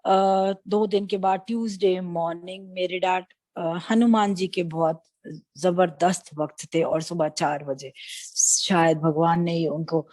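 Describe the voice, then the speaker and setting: A woman retelling a devotional experience in a lively storytelling way, mixing in English phrases. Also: lowish voice, unhurried, no room sound. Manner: lively anecdotal retelling, acting out quoted voices; switches between Hindi and English mid-sentence. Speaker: devotee sharing a personal experience. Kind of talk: satsang storytelling.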